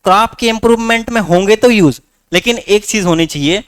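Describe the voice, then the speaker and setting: A man's voice: sits high, fairly quick, fairly bright tone, clear, resonant tone, no echo. A man teaching a class with a north Indian Hindi accent, coaxing students with rhetorical questions. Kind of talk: classroom lecture.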